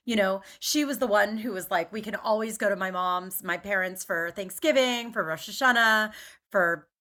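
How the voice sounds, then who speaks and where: A woman's voice: medium pitch, moderate pace, sharp tone. A woman in her forties from Philadelphia, a podcast guest chatting casually with lots of fillers and restarts. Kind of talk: casual conversation.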